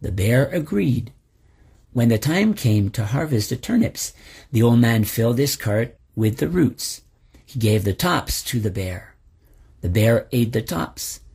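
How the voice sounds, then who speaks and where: A male storyteller reading a folk tale slowly and with much expression. His voice is husky, with a gravelly fry, and his pitch moves around in a lively way. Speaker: narrator.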